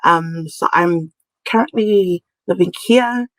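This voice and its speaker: A middle-aged woman with a Samoan New Zealand accent, a community nurse appearing as a podcast guest, tells her story in a casual, giggly way. Her voice sits fairly low and she speaks slowly. The recording has no echo but the audio quality is poor.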